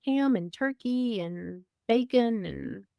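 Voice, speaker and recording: A middle-aged woman on a podcast talks through her grief openly and emotionally, stumbling into restarts and fillers as she tells her story conversationally. Her high, creaky voice is animated but slow. The recording is dry, with the highs cut off.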